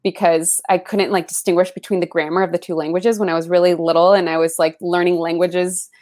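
A young woman from the San Francisco Bay Area, a writer whose first language is Spanish, is a guest in a casual interview. Her voice is on the low side and her pace fairly quick, with lots of "like" and "um," and she gets animated when recalling stories.

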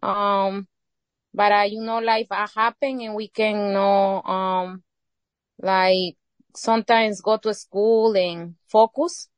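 A Spanish-speaking woman from El Salvador answers a casual interview in English with a Salvadoran accent, halting and groping for words between frequent pauses. Her medium-pitched voice holds a level tone, and there's no echo.

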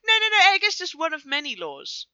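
A Canadian woman co-hosting a podcast in casual, joking banter, animated and swearing freely. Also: extremely high pitch, a little fast, dry recording, lo-fi sound. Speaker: podcast co-host.

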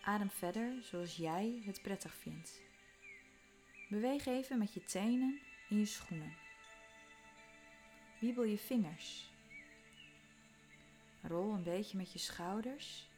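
Woman, slow soothing guided meditation, soft whispery moments, mid pitch. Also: expressive. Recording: faint music behind.

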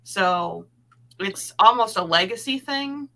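A woman's voice: medium pitch, lively intonation, slow, pushed and bright. A woman, an artist, talking as a podcast guest, chatty and teasing, full of "like" and "you know". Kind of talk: casual podcast conversation.

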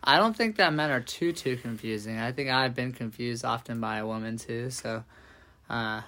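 A man's voice: mid-range voice, moderate pace, bright, forceful tone. A young man, a podcast guest, giving easygoing and thoughtful answers in casual chat. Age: young adult.

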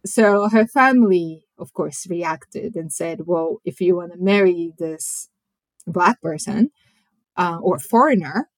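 A woman. Her voice sits a little low, and the sound is close and dry. She tells her story in an unhurried, reflective way and sometimes pauses to find the right word. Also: dry recording. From Japan. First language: Japanese. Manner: reflective, measured, searches for words. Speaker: podcast guest. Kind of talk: personal storytelling in conversation.

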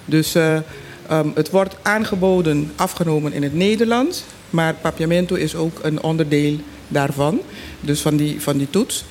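Higher-pitched man, halting delivery. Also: a little mellow. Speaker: panel guest. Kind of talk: informal explanatory talk. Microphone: studio microphone. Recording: clear background noise.

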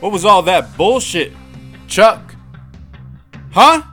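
An actor playing an exasperated, panicky, sarcastic sidekick in an audio drama, griping with profane exclamations. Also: male voice, high-pitched, animated, takes it slowly, pushed and bright, faint music behind, heavily acted. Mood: angry.

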